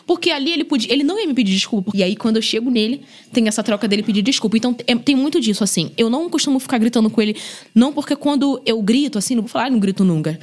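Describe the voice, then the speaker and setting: Fast-talking Brazilian woman telling stories. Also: fairly high pitch. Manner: chatty, animated, lots of "né?" and "gente". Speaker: podcast guest, single mother. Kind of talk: casual chat, personal storytelling.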